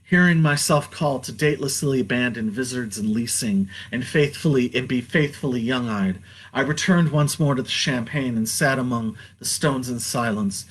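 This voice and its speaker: A man's voice: medium pitch, fairly bright tone, husky, poor audio. A man performing spoken-word poetry in a rhythmic, dramatic recitation.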